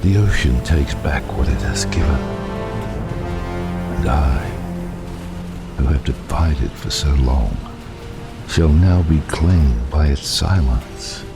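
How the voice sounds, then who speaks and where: An actor playing a brooding, fatalistic submarine captain in a dramatic audio drama, grave and theatrical. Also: male voice, rumbling low, slow, long pauses, exaggerated voice. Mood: solemn farewell. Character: brooding, fatalistic, obsessed submarine captain, middle-aged man. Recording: loud cinematic music, storm effects underneath.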